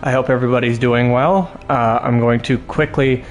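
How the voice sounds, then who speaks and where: A man's voice: mid-range voice, fairly even intonation, normal speed, soft background music. Male streamer, everyday mid voice, rambling casual play-along commentary. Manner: chatty, rambling, swears at the game. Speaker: streamer playing a game.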